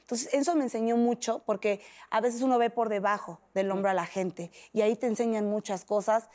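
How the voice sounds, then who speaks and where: Animated Mexican woman telling her story. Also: a little high, fairly quick. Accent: Mexican Spanish. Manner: animated, acts out quoted voices. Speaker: guest. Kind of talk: emotional personal storytelling.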